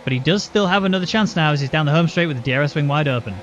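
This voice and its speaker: Man, motorsport commentator, high voice, running play-by-play with explanations, dull lo-fi audio, engine noise. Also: rapid-fire, a bit bright. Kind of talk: live motorsport commentary of an online race. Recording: muffled, noisy, engine sounds behind.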